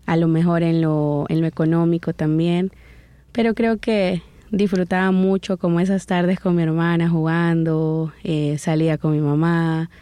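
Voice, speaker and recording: A woman in her thirties with a Salvadoran accent, a guest telling her life story in an interview in a reflective, unhurried way. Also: on the low side, flat delivery, warm tone, clear, resonant tone, dry recording. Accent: Salvadoran Spanish. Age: 30s.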